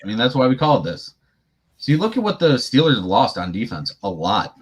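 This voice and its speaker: A man co-hosting a sports podcast, chatting casually and giving opinionated, animated takes. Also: medium pitch, fairly quick, slightly rough. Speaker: podcast co-host.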